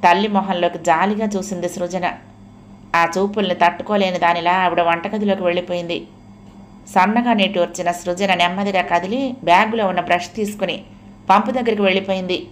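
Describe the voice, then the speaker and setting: A woman narrating a family novel in a steady, measured storytelling manner. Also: fairly low pitch, a little hiss or hum. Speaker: audiobook narrator. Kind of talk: scripted narration.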